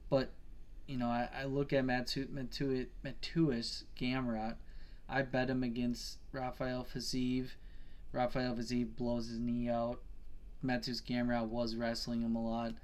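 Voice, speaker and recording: A man's voice: mid-range voice, monotone, measured pace, a little mellow. A man co-hosting a podcast, chatting casually about his betting picks, rambling, swearing and correcting himself as he goes. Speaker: podcast co-host.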